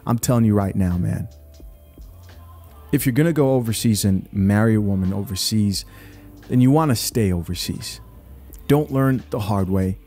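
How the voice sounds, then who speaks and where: A man's voice: lowish voice, moderate pace, long pauses, mellow, soft background music. A man in his thirties, born in Zambia, giving blunt, opinionated commentary to his viewers on a close studio mic. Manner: blunt, emphatic, addresses viewers directly. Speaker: podcast host. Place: small home studio room, indoors. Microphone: close studio mic, wearing headphones.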